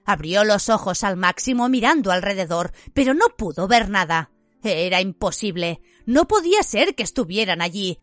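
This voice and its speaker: A woman narrating an audiobook in an expressive storytelling manner. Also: medium pitch, moderate pace, dry recording, faint music behind.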